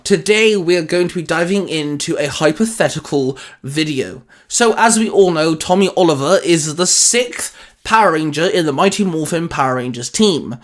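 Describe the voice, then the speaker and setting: A man hosts a fan discussion show, his fairly high voice full of lively intonation at a normal speed. He presents in an enthusiastic, emphatic way, starting with a scripted intro before moving into casual fan discussion.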